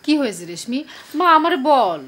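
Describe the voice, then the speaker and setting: A woman's voice: high voice, very animated, normal speed, fairly bright tone, exaggerated voice. An actress playing a worried mother who coaxes and pleads with her upset daughter in a TV drama. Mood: coaxing. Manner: soothing, pleading, repeats the daughter's name. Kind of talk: TV drama acting.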